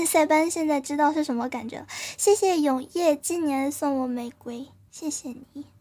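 A woman's voice: sits high, normal speed, dark tone. A woman streamer chatting casually and playfully with her live viewers, often giggling and thanking them.

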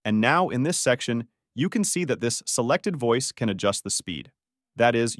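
A man's voice: mid-range voice, fairly bright tone, no echo, studio quality. A man narrating a screen-recording tutorial, explaining each step plainly and in order.

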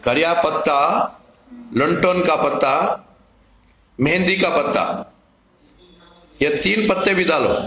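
A man explains home remedies as a herbal healer, talking slowly in a fairly high voice. He repeats each step plainly, and the room gives his voice a roomy echo. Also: a bit bright. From Karnataka, India. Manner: repetitive, plain step-by-step instructions.

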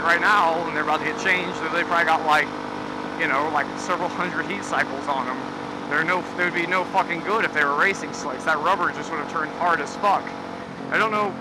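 A young man with a Texan accent rambling and swearing as he explains something while riding a motorcycle, recorded on a helmet mic. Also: on the high side. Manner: rambling, profane, self-interrupting. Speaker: motovlogger. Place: on a motorcycle on a highway, outdoors. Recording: loud wind and engine noise. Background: motorcycle engine and road noise.

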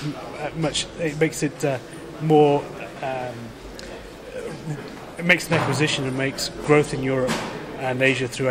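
Measured executive man in a noisy hall. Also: mid-range voice. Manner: measured, polished, with frequent restarts. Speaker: company executive guest. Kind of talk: conference interview. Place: large indoor conference hall. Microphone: handheld camera close to the face.

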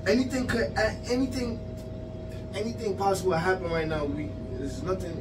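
A man's voice: sits high, moderate pace, noisy background. Slangy young man, heard from afar. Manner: loose, slangy, swears casually. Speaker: interviewee. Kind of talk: casual street conversation. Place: small pizza shop, indoors. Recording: distant mic, music behind.

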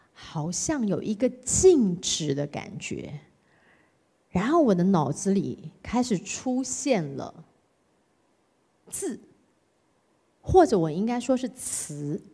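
A woman giving a sermon testimony, telling her story in a lively, dramatized way and acting out her own pleading. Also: medium pitch, husky. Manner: animated storytelling, acts out her own whining. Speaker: guest preacher. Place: church sanctuary. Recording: church hall reverb.

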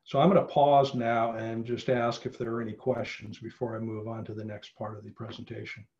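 A man's voice: lowish voice, level tone, brisk, a little mellow. A middle-aged man giving a casual online presentation, with many fillers and restarts, speaking over a video call. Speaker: genealogy presenter. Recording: slightly dull video call audio.

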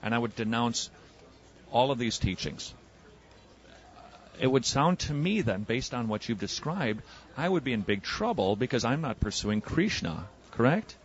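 A man debating religion on the street as an evangelist and radio host, pressing with quick probing questions. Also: medium pitch, big pitch swings, highs cut off. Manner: probing, rapid-fire questioning. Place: outdoors on a city street.

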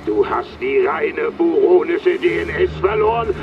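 A man playing an imperious, excitable alien admiral in a video game, pompous, demanding and cutting. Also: fairly high pitch, unhurried, creaky, dull audio, over music, full character voice. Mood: indignant. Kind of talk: video game voice acting in German.

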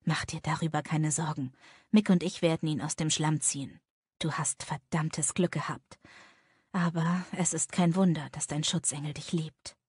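A woman voicing a tender, earnest young man in a romance audiobook, speaking low, soft and reassuring. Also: fairly even intonation, normal speed, husky, no room sound, studio quality.

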